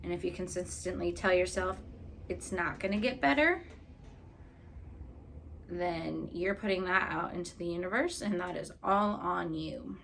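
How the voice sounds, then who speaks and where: A woman's voice: lowish voice, unhurried, creaky, fairly bright tone, a little hiss or hum. A woman in her late twenties, chatting casually and playfully, rambling while she makes crafts. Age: late 20s. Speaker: craft vlogger.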